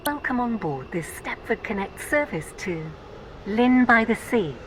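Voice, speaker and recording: A woman's voice: fairly high pitch, expressive, unhurried, fairly bright tone, slight background noise. A woman giving an automated onboard train announcement in formal, clipped phrasing.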